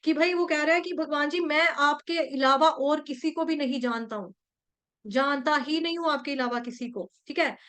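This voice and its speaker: With a high, fairly bright voice, a woman teaches a devotional scripture class. She explains in a blend of Hindi and English and chants Sanskrit verses at a slow pace.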